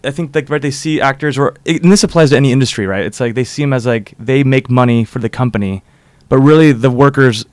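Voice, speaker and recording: A man's voice: mid-range voice, no room sound. A man co-hosting a casual podcast, rambling loosely and swearing now and then. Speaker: podcast co-host. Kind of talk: casual chat.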